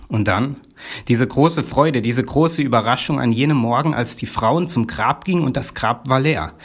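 A man of middle pitch delivers a storytelling sermon at a measured pace. He pauses for effect and often sinks to a low, hushed voice. His delivery feels scripted and deliberate. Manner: measured, dramatic pauses, drops to a low quiet voice. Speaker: preacher.

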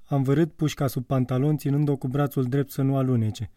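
A man narrating a literary audiobook in a measured, calm way. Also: medium pitch, no echo, far from the mic.

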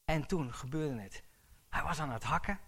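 Male pastor, sermon, forceful bright tone, emphatic and questioning. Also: on the high side, moderate pace, slightly rough. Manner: emphatic, building to urgent exhortation; asks the congregation questions.

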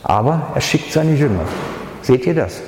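A man's voice: mid-range voice, expressive, normal speed, darkish tone, slight background noise. A male pastor, preaching a sermon with dramatic storytelling. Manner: dramatic storytelling, acting out voices. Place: church hall. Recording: echoey reverberant church hall.

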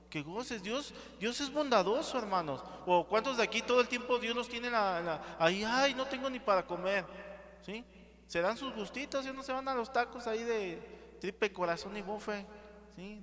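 A pastor delivers a sermon in a high, lifted voice and keeps checking in with his listeners. The sound rings with a long reverb through a church hall. A congregation is clearly present behind him. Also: normal speed, a crowd in the background. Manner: calls out to the congregation with frequent "sí?" and "hermanos".

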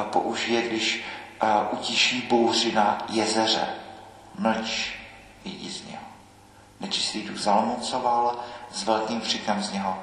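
Low steady guy preaching a sermon, lots of pauses, big echoey church hall. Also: slight background noise. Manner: measured, reflective preaching with frequent hesitations. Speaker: priest.

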